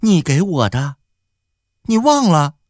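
A man's voice: fairly high pitch, sing-song, takes it slowly, a little mellow, no room sound, studio quality, pitched above the performer's own voice, exaggerated voice. A man voicing a desperate village woman who pleads tearfully and insistently, in an audiobook. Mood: pleading. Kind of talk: audiobook character voice.

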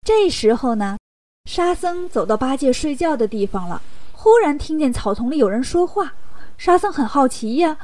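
A woman narrating a children's storybook in a lively, playful way. Her voice is high and bright-sounding. It is recorded close and dry, with no room echo. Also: moderate pace.

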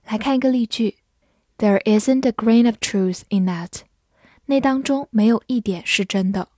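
Slow, dry-voiced woman teaching English words. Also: on the high side, mellow, no echo. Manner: spells words letter by letter and reads example sentences slowly. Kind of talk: vocabulary lesson.

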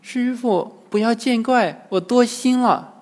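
A man voicing a timid young village girl, a demon in disguise, in a storybook tale, with a high, sweet, pleading voice. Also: takes it slowly, in a large hall.

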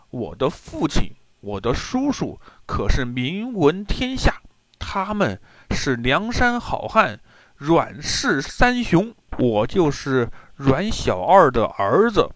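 A man's voice: medium pitch, very animated, slow, fairly bright tone, no room sound. A man voicing a sly young fisherman hero who teases and boasts, in a children's story telling. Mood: teasing. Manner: teasing, boastful.

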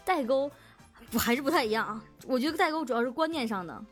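A female co-host speaks fast in a slightly higher voice, tossing in quick counterpoints during a casual group chat. Faint music sits under the conversation. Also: animated. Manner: quick, chatty, pushes back with counterpoints. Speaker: podcast co-host.

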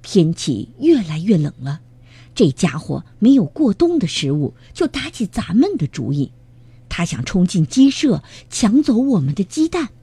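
A woman voicing a calm, sensible mother hen in a storybook, soothing and reassuring. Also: mid-range voice, normal speed, breathy edge, no room sound, full character voice.

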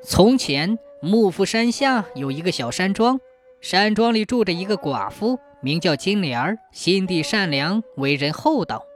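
A woman narrating a traditional folk tale in a measured, expressive storytelling manner. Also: fairly low pitch. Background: faint music.

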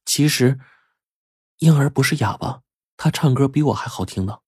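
A man voicing a gentle, earnest young woman who speaks softly. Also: medium pitch, expressive, moderate pace, husky, dry recording, clean studio sound, pitched above the performer's own voice. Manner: soft-spoken, earnest.

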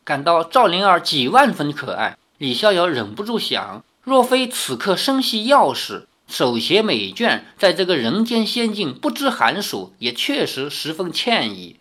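A man narrating a novel as an audiobook, reading expressively and breaking off for relaxed, chatty asides. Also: fairly high pitch, a little slow, hardly any pauses.

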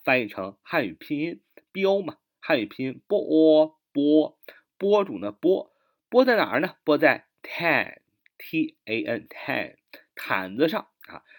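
A man teaching English vocabulary in a patient, repetitive way, spelling words out letter by letter with many drawn-out fillers. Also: mid-range voice. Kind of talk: mnemonic vocabulary lesson.

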